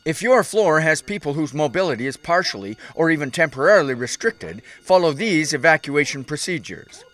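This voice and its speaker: A man reading scripted safety instructions as a narrator, in a measured, instructive way. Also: a little high, animated, a bit bright.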